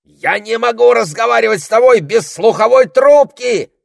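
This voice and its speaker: A man voicing an irritable old male parrot who yells and squawks in exasperation, in an audiobook. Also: huge pitch swings, drawn-out words, no room sound, studio quality, full character voice. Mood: shouting. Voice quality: shrill, gravelly. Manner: yelling, exasperated.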